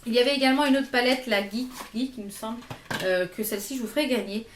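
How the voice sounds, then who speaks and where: High-voiced woman showing makeup, echoey room. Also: fast talker, a little hiss or hum. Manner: hesitant, many fillers, shows products to camera. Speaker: beauty vlogger. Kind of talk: casual haul video.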